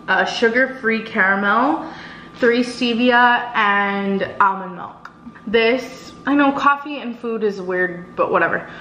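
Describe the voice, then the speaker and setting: Chatting casually to her camera for a vlog, a woman with a slightly high voice giggles and laughs often as she talks. The room is echoey with loud noise, and the highs are cut off.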